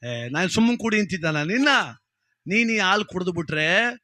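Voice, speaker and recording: A sly village trickster in a folk comedy tale, his voice pitched high and bright, coaxing and reassuring, as a Mandya storyteller man puts him on. He speaks with a Mandya Kannada accent. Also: animated, moderate pace, faint music behind.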